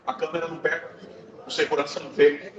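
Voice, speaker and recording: A man giving a fervent testimony before a congregation, telling a story and breaking into loud praise. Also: on the high side, flat delivery, fast talker, a crowd in the background. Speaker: church member giving a testimony. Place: large church hall, indoors. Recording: echoey church hall, far mic, dull sound, congregation. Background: congregation responding.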